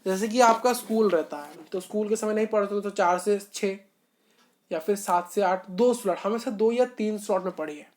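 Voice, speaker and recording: A man talking to camera as an online tutor, coaching school students on how to study. His delivery is earnest and repetitive, informal rather than polished, with loud stressed points and softer asides. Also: high voice, moderate pace. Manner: earnest and repetitive, often saying "bhai sahab". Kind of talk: motivational study-advice talk to camera.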